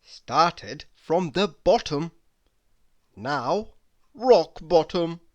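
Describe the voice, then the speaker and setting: Here someone reads funny, tongue-in-cheek motivational quotes at a painfully slow pace. Every phrase lands deliberately and dramatically, with animated pitch changes and distinct pauses in between.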